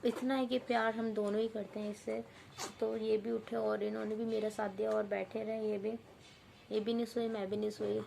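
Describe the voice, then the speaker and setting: A young mother with a hoarse voice, tearfully vlogging about her sick baby. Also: fairly high pitch, flat delivery, moderate pace, slight background noise. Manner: tearful, worried, talking softly to her baby. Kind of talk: emotional home vlog.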